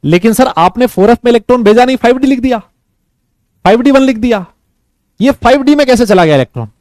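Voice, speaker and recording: A man's voice: extremely high pitch, expressive, fast talker, a little mellow, dry recording, clean studio sound, voice pushed up. A man voicing a puzzled teenage student. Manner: puzzled, questioning. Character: curious teenage boy student asking a doubt.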